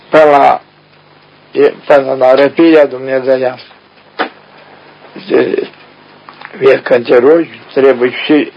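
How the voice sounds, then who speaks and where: A man's voice: fairly high pitch, creaky, darkish tone. A man preaching a spiritual sermon in a folksy way, speaking straight to his listeners and asking them questions. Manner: folksy, addresses listeners directly with rhetorical questions. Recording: dull lo-fi radio recording.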